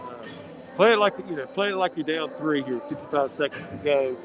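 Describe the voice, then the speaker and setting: A man's voice: on the high side, animated, brisk, music in the background. An American man doing conversational local basketball commentary, his voice slightly muffled through a face mask, with folksy, coach-like asides. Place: indoor school basketball gym. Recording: noisy gym, bouncing balls behind. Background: gym noise, ball bounces.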